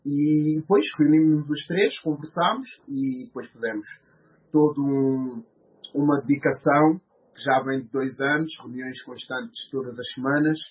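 A man's voice: mid-range voice, normal speed. A man in his thirties with a European Portuguese accent, a guest answering interview questions hesitantly, with many fillers and restarts. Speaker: guest, podcast host. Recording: slightly muffled recording.

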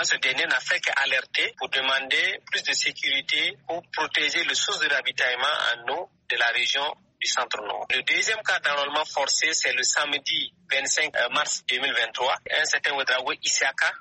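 A man's voice: medium pitch, pushed and bright, breathy edge, no room sound, low-quality recording. A man who leads a human rights group, answering a phone interview in an earnest, insistent way.

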